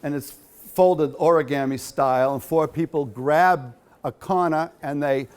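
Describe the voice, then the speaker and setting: A man's voice: fairly high pitch, measured pace. A man giving a rambling, chatty talk at a quilt show and taking questions from the audience, with many fillers. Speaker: featured speaker at a quilt show. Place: hall.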